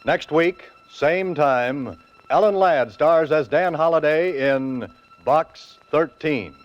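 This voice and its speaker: A man's voice: fairly high pitch, slow. A man announcing a radio show in formal 1940s broadcast style. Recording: dull 1940s radio recording with music. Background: orchestral music.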